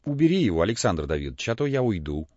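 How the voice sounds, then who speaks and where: A man voicing a calm, contemptuous male zoologist who speaks in a cool, measured way. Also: on the low side, dry recording. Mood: cold calm. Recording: dull, dry lo-fi recording.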